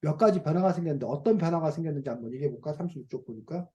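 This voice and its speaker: Teacher on a video call w/ kids, swoopy animated voice, keeps asking them stuff. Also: medium pitch, rapid-fire, dull audio. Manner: animated, asks children questions and plays out dialect phrases. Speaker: reading and writing teacher for children. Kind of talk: online video class.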